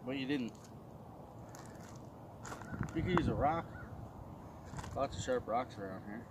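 A man's voice: mid-range voice, expressive, unhurried. A middle-aged man hosting a casual vlog outdoors, speaking to a camera a few feet away. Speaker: host of dip review show. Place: outdoors in a gravel lot by woods. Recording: noisy outdoor camera audio.

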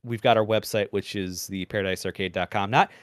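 A man and former radio presenter, chatting as a podcast guest in a measured, deliberate way, projecting from the diaphragm and swearing casually. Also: on the low side, fairly even intonation, no echo, studio quality. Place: podcast recording.

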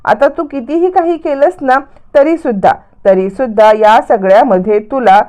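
A woman voicing a brash young bride who shouts and taunts her rival in a retold serial story. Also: fairly high pitch, moderate pace, close to an everyday voice. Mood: taunting shout.

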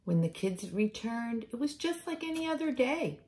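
A middle-aged woman reads a picture book aloud to young children at home, telling the story in a slow, deliberate, expressive way. Her voice sits a little high.

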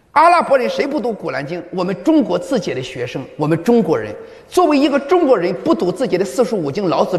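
A man's voice: sits high, creaky. A man giving a public lecture to an audience, speaking emphatically and firing rhetorical questions at them. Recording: long hall reverb.

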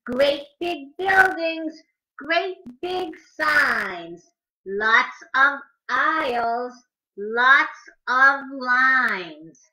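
A middle-aged woman hosts a preschool storytime indoors in her living room, reading and talking in a sing-song, emphatic manner. Her high-pitched voice is sharp, with lively intonation and a very slow pace. The recording, made on a webcam or laptop held at arm's length, is dull and echoey.

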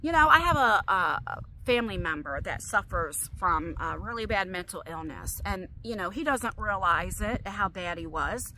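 A woman's voice: mid-range voice, expressive, normal speed, few pauses, pushed and bright, slight background noise. A middle-aged woman vlogging about her life in an emotional, rambling way, restarting her sentences and pacing as she talks. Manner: pacing while talking. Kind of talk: confessional personal vlog.

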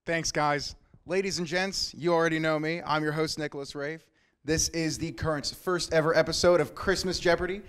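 A man's voice: on the high side, steady tone, normal speed, a bit bright. A man hosting a casual Christmas quiz game, upbeat and laughing often as he reads the questions. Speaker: host.

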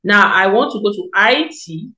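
With a medium-pitched, expressive, pushed and bright voice at a moderate pace, a young Cameroonian tutorial host and education consultant walks viewers through an online application form. It's a screen-recorded tutorial where she explains each step, repeats key points, and uses plenty of fillers. The recording is echoey.

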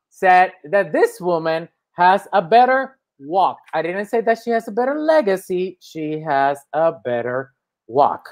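Playful Spanish-accented male host. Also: high voice. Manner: playful, rambling, theatrical. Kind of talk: casual chat show.

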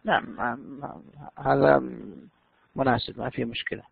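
A man's voice: mid-range voice, steady tone, moderate pace, creaky, slightly rough, dry recording. A man teaching an English lesson, explaining in with frequent fillers. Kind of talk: bilingual classroom lesson. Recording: tinny phone-like dry sound.

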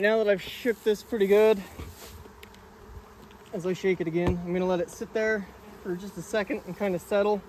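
A man's voice: high-pitched, noisy background. A man who keeps bees, talking offhand and thinking aloud as he works in an outdoor bee yard, recorded on a camera mic. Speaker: beekeeper. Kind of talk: casual how-to narration. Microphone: camera mic, speaker moving around. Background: loud buzzing of bees.

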